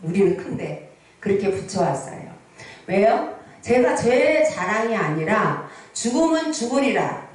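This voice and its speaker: This sixty-something woman pastor has a mid-range voice with big pitch swings and an unhurried pace. Telling stories in her sermon, she keeps asking the congregation rhetorical questions. The large prayer hall is echoey, and she sounds distant from the mic.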